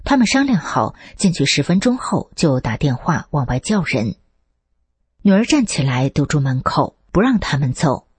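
Very husky woman, lively narration. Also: normal speed, dry recording. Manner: reads steadily, lifts the pitch for quoted speech. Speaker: narrator of a personal account. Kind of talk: scripted first-person narration.

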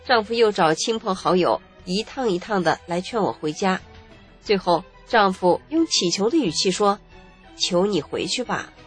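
A woman's voice: mid-range voice, expressive, normal speed, breathy edge, soft background music. A woman, earnestly narrating her own life story in the first person. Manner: emotional, earnest recounting.

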